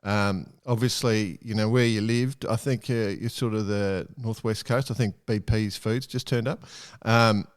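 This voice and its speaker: A man's voice: fairly low pitch, fairly even intonation, a little slow, hardly any pauses, clean tone, dry recording, clean studio sound. A man hosting a podcast, asking long rambling questions and teasing his guest. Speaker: podcast host. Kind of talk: casual chat.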